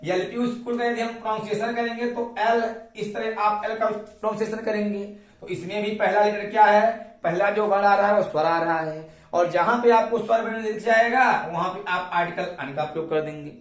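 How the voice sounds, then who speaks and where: A man's voice: high voice, steady tone, normal speed, reverberant, far from the mic. A man from India teaching an English grammar lesson, who often asks a question and then answers it himself. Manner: repeats questions to students.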